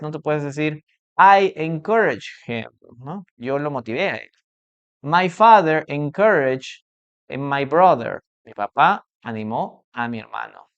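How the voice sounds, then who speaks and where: Slow, clear-voiced English teacher on a live stream. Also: medium pitch. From Peru. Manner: slow drilled pronunciation with frequent "okay?" checks. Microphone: phone or computer mic for a live stream.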